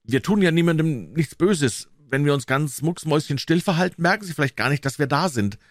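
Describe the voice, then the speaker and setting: Audiobook boy: a frightened lad whispering in the dark, pitched higher, read by a man. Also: lively intonation, brisk, no room sound, clean studio sound, close to an everyday voice. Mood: scared whisper. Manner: hushed, nervous, higher-pitched boyish voice. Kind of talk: audiobook character voice.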